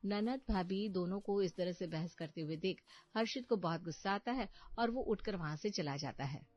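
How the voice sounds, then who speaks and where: A woman's voice: fairly low pitch, normal speed. Woman narrating a family story. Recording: muffled, faint background music.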